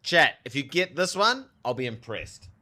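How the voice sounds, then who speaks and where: A man livestreaming a game and chatting casually with viewers, speaking with a strong lisp from wearing a retainer in an animated, slangy way. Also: medium pitch, normal speed. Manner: animated, slangy, talks to chat. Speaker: live streamer, theologian. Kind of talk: casual livestream chat over gameplay.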